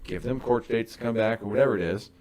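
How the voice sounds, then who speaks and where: Low-voiced man in casual podcast banter. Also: fast. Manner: profane, animated, laughs often. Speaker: podcast co-host.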